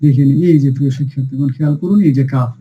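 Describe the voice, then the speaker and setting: A man's voice: medium pitch, steady tone, rapid-fire, dull audio, a little hiss or hum. A man teaching an online lesson on reading Arabic letters, drilling each sound by asking and answering himself and repeating it patiently. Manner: patient, addresses dear students often.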